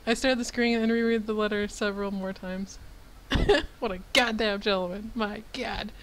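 A woman's voice: medium pitch, fairly even intonation, moderate pace, a bit bright, low-quality recording. A woman casually playing through a dating game aloud, reading it and reacting with frequent laughter and swearing. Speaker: let's player.

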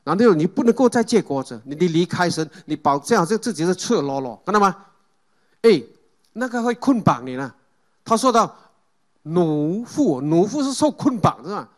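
High-voiced man preaching a sermon. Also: very animated, normal speed. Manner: calls out Amen and Hallelujah to the congregation; asks the congregation questions and leads group reading.

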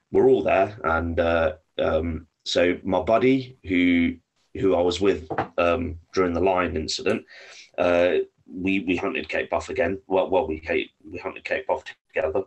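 English guy on a podcast, deep husky voice, rambling and sweary. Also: fairly even intonation, measured pace, dull audio. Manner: rambling, swears freely, restarts a lot. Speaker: podcast guest. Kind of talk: casual storytelling.

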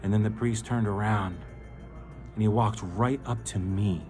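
A man's voice: on the low side, fairly even intonation, measured pace, darkish tone, faint music behind. A middle-aged man giving a fervent, emphatic personal testimony that turns into pleading exhortation. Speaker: speaker giving a faith testimony.

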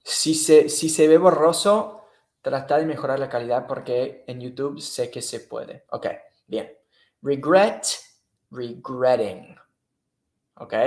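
A man's voice: medium pitch, a little mellow, reverberant. A man teaching English in a live online class, patiently repeating and checking in with the students. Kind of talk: live-streamed online lesson.

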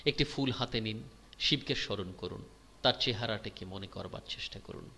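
A man giving devotional instruction, guiding listeners through worship and chanting mantras in slow, drawn-out tones. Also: fairly low pitch, creaky, sharp tone, slight background noise. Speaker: religious teacher. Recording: long hall reverb.

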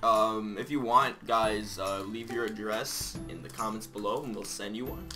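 A man's voice: on the low side, moderate pace, music in the background. A young man hosting a video in a casual, chatty vlog style. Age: teens or young adult. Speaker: video host. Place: small bedroom indoors.

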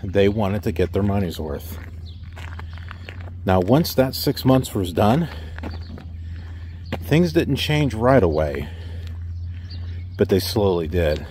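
Slow, low-voiced middle-aged man outdoors. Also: very animated, darkish tone, a little hiss or hum. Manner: wry, rhetorical questions, mocks company replies. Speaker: truck driver vlogger. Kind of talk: casual talk to camera. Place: outdoors in a parking lot. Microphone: phone held at arm's length.

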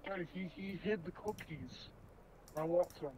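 A man's voice: high voice, normal speed, noisy background. Man through a voice changer filter. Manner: excitable, playful whining. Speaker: gamer. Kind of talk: casual game chat.

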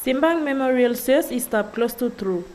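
A woman's voice: sits high, animated, normal speed, darkish tone. A woman reading scripted documentary narration. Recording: clear background noise with insects.

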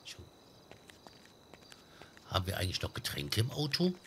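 A man's voice: low voice, wildly swooping pitch, moderate pace, a little hiss or hum. A man chatting in a game roleplay, joking and teasing bluntly. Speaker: streamer playing a roleplay character. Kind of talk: casual in-game roleplay chat.

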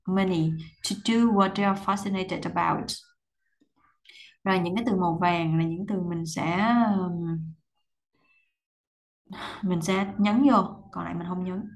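A woman teaching English pronunciation, reading sentences aloud and repeating words slowly, sound by sound. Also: fairly low pitch, low-quality recording. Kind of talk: language lesson, reading and breaking down English sentences.

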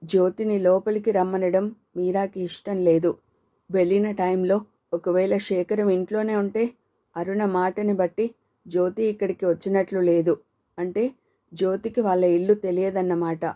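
A woman narrating an audio novel in steady, measured scripted storytelling. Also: mid-range voice.

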